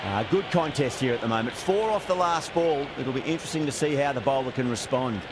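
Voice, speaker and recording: A man's voice: mid-range voice, a little fast. A man giving cricket commentary in a sports video game. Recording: loud crowd noise throughout. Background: roaring stadium crowd.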